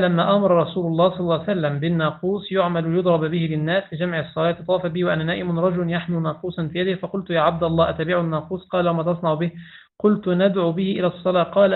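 Man, hadith reader, quick recitation, high voice, tinny phone-like recording. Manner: rapid reading, reciting narrator chains with small slips. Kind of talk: reading hadith text aloud.

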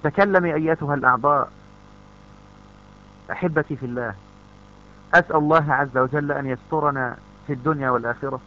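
A man's voice: on the high side, fast talker, long pauses. A male preacher, delivering a fervent sermon full of repeated rhetorical questions. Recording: dull lo-fi recording.

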